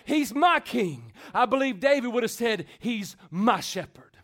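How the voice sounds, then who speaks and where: Male pastor, high-pitched, rhythmic call-and-response sermon delivery. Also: big pitch swings, a little slow. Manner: swings from loud build-ups to quiet intimate talk.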